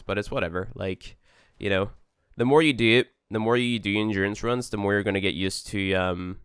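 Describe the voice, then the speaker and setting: A drowsy man walks through a video game in an easygoing, rambling way, leaning on plenty of fillers. His voice sits a little low and sounds smooth and full. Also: a bit bright. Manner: laid-back and rambling, with many fillers. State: sleepy, just out of bed. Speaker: gaming YouTuber. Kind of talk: casual game tutorial commentary.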